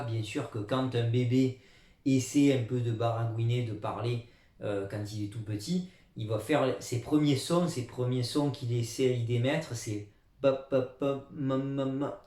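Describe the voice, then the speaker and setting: A man teaching a language lesson in a mid-pitched voice, recorded in a noticeably echoey room. He explains patiently, calls out example syllables with extra force, and drops his voice quietly for side remarks. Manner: lively teacherly, stresses example words loudly, drops low on asides.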